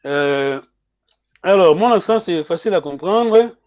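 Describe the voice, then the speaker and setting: A man teaching a live-streamed language lesson, reading aloud slowly, switching languages and laughing often. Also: sits high, expressive, lo-fi sound.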